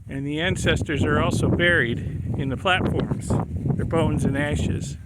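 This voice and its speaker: A man's voice: a little high, fairly even intonation, a little slow. An older man casually narrating his own travel vlog outdoors, chatty and admiring as he explains the sights. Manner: chatty, admiring, explains what a guide told him. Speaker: traveler filming his trip. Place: outdoors on a windy island hillside. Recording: loud wind noise on the mic.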